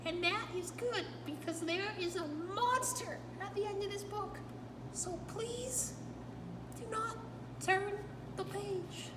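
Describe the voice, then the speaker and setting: A woman voicing Grover, a timid furry male monster who frets loudly and begs the listener, recorded far from the mic in a roomy space with a steady hum. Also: extremely high pitch, takes it slowly. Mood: hushed pleading. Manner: loud, fretful, begging the listener.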